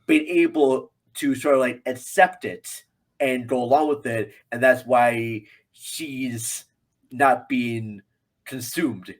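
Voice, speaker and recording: A medium-pitched man speaks slowly as a guest on a film podcast. He chats casually about a film, rambling and joking as he goes.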